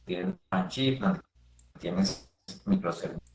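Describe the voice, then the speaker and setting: A man's voice: mid-range voice, very animated, slow, vocal fry, reverberant, low-quality recording. Man on a choppy, breaking-up video call. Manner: thoughtful, restarts phrases with repeated words. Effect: choppy, breaking-up video call audio. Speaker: webinar panelist. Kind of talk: conversational panel discussion.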